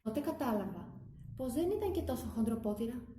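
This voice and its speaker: A woman kindergarten teacher reading a children's story aloud with gentle, expressive narration. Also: on the high side, roomy sound, slight background noise.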